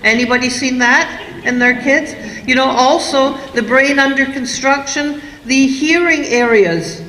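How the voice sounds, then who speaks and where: Woman speaker, lively lecture to a room of parents, big echoing hall. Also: high voice, a little slow, slight background noise. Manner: lively, acts out parents and kids in quotes. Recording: echoey hall, long reverb.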